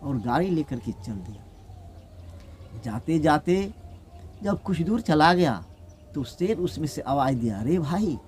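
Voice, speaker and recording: Guy telling a village folk tale, simple repetitive way, kinda high voice. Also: very animated, takes it slowly, pauses often, darkish tone, slight background noise. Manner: plain rustic, repetitive phrasing. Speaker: storyteller.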